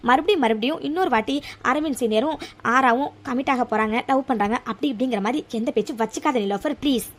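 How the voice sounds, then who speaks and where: Cartoon heroine, young college woman, high and rapid, easily riled, voiced by a woman. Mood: angry. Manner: fast, exasperated, rising to anger.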